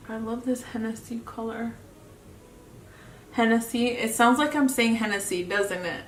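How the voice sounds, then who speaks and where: With a slightly high voice, this beauty vlogger takes her time, leaving long pauses as she chats through a makeup tutorial in her Mexican accent and often trails off mid-sentence. Her mic sits far away in an echoey room, with a faint hiss audible.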